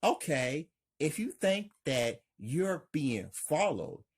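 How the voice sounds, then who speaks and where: Woman reading as a worried neighbor lady, asking questions, high and husky. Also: very animated, slow, full character voice. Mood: concerned. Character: calm caring woman neighbor.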